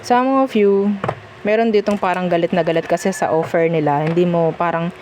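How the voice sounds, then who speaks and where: Over a noisy background, a woman with a Filipino accent does a casual tarot reading at normal speed. Her voice is lowish with fairly even intonation, and she chats reassuringly in a mix of Tagalog and English, regularly checking in with "okay?".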